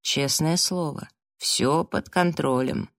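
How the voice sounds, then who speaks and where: An audiobook reader voicing a young man who speaks slowly and quietly, cold and steady. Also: on the high side, gravelly, no echo, clean studio sound, full character voice. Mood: calm. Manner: slow, quiet, measured.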